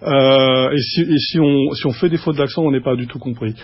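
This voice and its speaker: A man with a mid-range voice appears as a guest in a radio studio conversation, explaining things patiently. He halts often, restarting sentences and using many fillers, and the recording is dry, dull and lo-fi like old radio.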